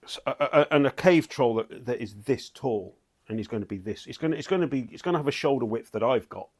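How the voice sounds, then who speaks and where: A middle-aged man chatting excitedly in a home vlog, rambling and restarting his sentences as he walks around. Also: mid-range voice, fast talker. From United Kingdom. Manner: enthusiastic, rambling, with many restarts. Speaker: statue collector vlogger. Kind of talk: excited casual vlog chat. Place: at home, walking between rooms.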